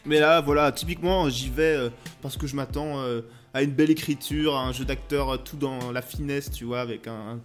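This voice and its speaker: A man's voice: medium pitch, steady tone, fairly quick, few pauses, soft background music. A young Frenchman hosting his own film podcast, talking in a playful, self-mocking way with lots of filler sounds. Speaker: podcast host reviewing films. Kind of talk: casual comic monologue.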